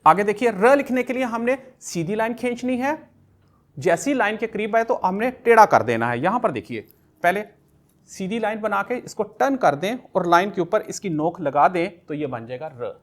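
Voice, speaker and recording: A male teacher gives a slow, patient writing lesson for very young children, walking them through every stroke of the pen. His voice rises and falls in a lively, sing-song way, and he says each letter sound over and over. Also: high-pitched. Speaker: kindergarten teacher.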